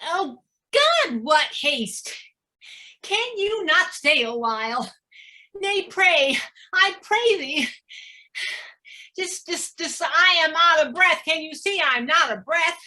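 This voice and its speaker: An actress playing a fussy, aging nurse with a Southern US accent, complaining about her aches and teasing in drawn-out verse. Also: high voice, big pitch swings, sharp tone, full character voice. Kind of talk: stage acting of verse drama.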